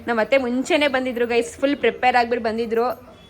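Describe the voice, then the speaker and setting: A woman's voice: fairly high pitch, fairly even intonation, fast talker. A young woman vlogging in a casual, chatty way, mixing English words into her talk and coaxing her relatives. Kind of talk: casual vlog chat.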